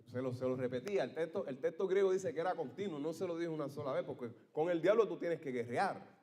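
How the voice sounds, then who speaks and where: A man pastor preaching a sermon, telling the story dramatically with loud outbursts and hushed asides, calling the congregation for amens. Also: fairly high pitch, fast.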